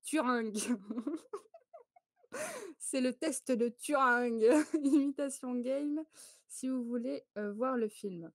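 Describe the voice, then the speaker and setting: A woman's voice: high voice, very slow, pauses often, no room sound, clean studio sound. Chatty woman hosting a stream quiz. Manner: chatty, laughs often, greets chat viewers. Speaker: quiz host on a live stream. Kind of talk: casual live-stream quiz chat.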